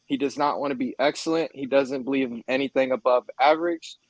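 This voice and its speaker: A man's voice: medium pitch, fairly even intonation, quick pace, no echo, poor audio. A man on a casual sports podcast, mockingly arguing against a viewer's take. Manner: mocking, argumentative. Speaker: podcast co-host.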